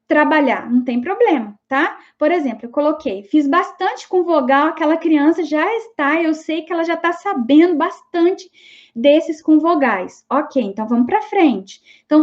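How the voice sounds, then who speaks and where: A high-pitched woman teaches an online class. She explains step by step and keeps checking that her listeners follow. The audio is a little dull and lo-fi. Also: a little mellow. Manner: explanatory, frequent checking tags like "tá bom?".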